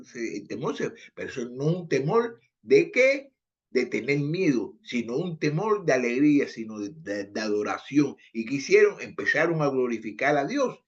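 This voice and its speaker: Male preacher, animated Bible teaching, rhetorical questions, repeats lines; muffled lo-fi recording. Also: fairly high pitch. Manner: reads scripture aloud and explains it, asks rhetorical questions; repeats phrases, restarts words.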